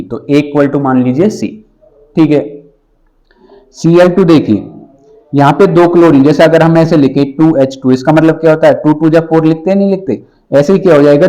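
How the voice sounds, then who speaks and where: A male teacher walking students through balancing chemical equations, calling them "brother" and checking often if it is clear. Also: a little high, dark tone. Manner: repeats checks like "ठीक है" and "clear है"; addresses students as "भाई". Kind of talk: chalkboard science lesson. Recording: dull lo-fi sound.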